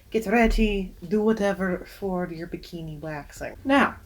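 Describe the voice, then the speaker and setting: A woman's voice: mid-range voice, a little mellow. Chatty young woman giving waxing tips. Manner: chatty, emphatic, jokey asides. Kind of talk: casual vlog advice.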